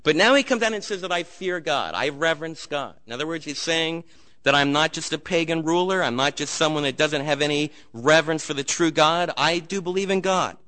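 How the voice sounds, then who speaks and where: A man's voice: on the high side, brisk, bright, forceful tone. A man preaching a sermon as pastor, emphatic and dramatic, acting out quotes.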